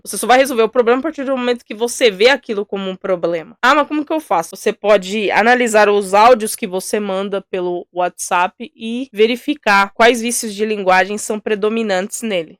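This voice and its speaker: A woman's voice: mid-range voice, no echo. Brazilian woman explaining tips in a dry room. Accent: Brazilian Portuguese. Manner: explanatory, repeats points, asks "entendeu?". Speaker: channel host giving academic tips. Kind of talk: casual spoken lesson to camera.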